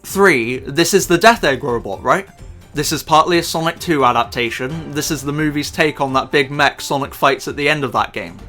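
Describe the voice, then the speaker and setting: A man's voice: a little high, normal speed, sharp tone, soft background music. A man ranting about a film in sarcastic, profane, exasperated commentary. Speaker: YouTube commentator.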